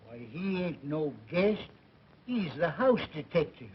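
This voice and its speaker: An actor playing a slangy, drawling comic sidekick in an early talkie film comedy. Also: male voice, a little high, very animated, measured pace. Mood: droll. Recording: dull, noisy 1930 film soundtrack.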